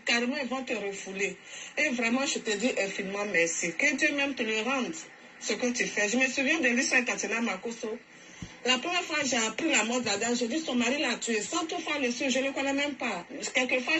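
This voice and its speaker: A woman phones in to a live show, earnest and grateful, her thoughts running on in long sentences. Her voice is bright and fairly high, with a faint hiss of noise behind her. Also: rough recording. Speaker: caller.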